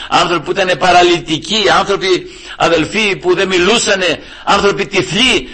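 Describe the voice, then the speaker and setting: A man's voice: on the high side, bright, forceful tone, husky. A male preacher delivering an emphatic sermon, often turning to address the brethren directly.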